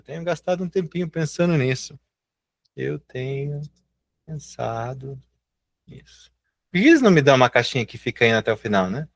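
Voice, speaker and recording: A Brazilian man teaching English in a live online class. He speaks with a Brazilian Portuguese accent, is patient and encouraging, and draws out example words slowly. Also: fairly high pitch, creaky.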